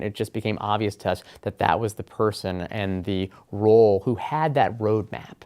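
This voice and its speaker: A man's voice: fairly low pitch, darkish tone. A man answering interview questions in a webinar, explaining education policy in an earnest way with frequent fillers.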